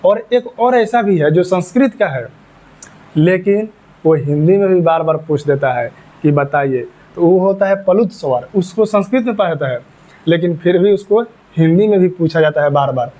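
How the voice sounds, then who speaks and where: A male teacher explains a lesson in a slightly high voice, going over each point more than once. He asks questions and answers them himself. The recording sounds muffled and lo-fi. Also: normal speed, dark tone. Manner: repetitive, explains step by step, asks and answers his own questions. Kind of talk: classroom lesson. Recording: dull lo-fi recording.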